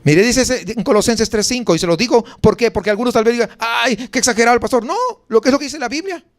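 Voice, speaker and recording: A pastor with a Mexican Spanish accent delivers a sermon in a notably high voice. He talks conversationally, firing off rhetorical questions and rising sharply for emphasis. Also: quick pace.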